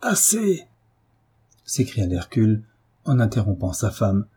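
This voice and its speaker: A man narrating a classic novel as an audiobook, reading in a measured, even way. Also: fairly low pitch, breathy edge.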